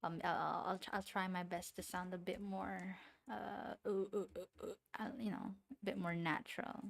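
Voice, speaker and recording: A young woman streamer with a non-native English accent draws on a livestream while chatting with her viewers, rambling, giggling and talking to herself as she works. Her gravelly voice is fairly low and fairly flat, at a normal speed.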